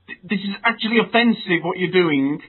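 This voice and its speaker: A man plays it glum and deadpan in a comedy sketch, and his speech keeps tripping into stammers and restarts. His voice is notably high for a man. The recording is thin and phone-like. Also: a little fast, breathy edge. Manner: hesitant, stammering, mock-glum. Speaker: co-host. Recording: phone-like lo-fi sound.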